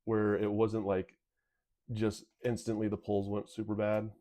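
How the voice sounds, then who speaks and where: A man's voice: fairly low pitch, monotone, measured pace, mellow. A man hosting a casual card pack opening video, talking in a rambling, candid way with sniffles and a whistling nose. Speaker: video host.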